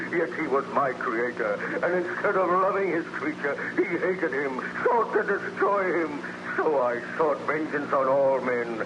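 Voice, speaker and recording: A man's voice: on the high side, muffled recording. An actor playing a bitter, anguished, lonely man-made monster in solemn, declamatory 1930s radio drama style. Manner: declamatory, solemn, theatrical, formal phrasing. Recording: noisy, band-limited 1930s radio recording.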